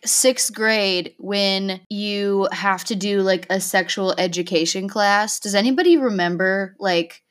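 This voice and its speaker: A woman's voice: mid-range voice, a bit bright. Candid, foul-mouthed young woman podcaster. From Oklahoma, USA. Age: 20s. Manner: candid, profane, filler-heavy rambling. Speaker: podcast host. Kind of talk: casual solo podcast chat.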